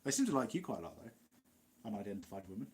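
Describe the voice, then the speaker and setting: A man's voice: lowish voice, very animated, fast talker, very noisy. A man with an East Midlands English accent, hosting a casual live Q&A, chatty and rambling, laughing often. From Nottinghamshire, England. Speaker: livestream host.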